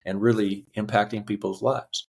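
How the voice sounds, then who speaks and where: A man in his fifties, a podcast guest telling his life story earnestly, halting with fillers. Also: lowish voice, little pitch movement, creaky, darkish tone. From United States. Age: 50s. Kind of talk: reflective personal storytelling.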